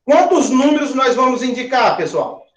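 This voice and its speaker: A man's voice: extremely high pitch, animated, moderate pace. A male chemistry teacher, giving a classroom lecture, asking the class questions and spelling out syllables as he counts aloud. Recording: roomy, dull-sounding classroom recording.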